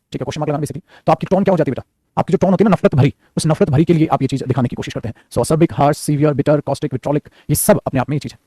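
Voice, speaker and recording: Rapid male teacher. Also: fairly high pitch, warm tone, dry recording. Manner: rapid, repeats phrases, calls students "beta". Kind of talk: online English vocabulary class.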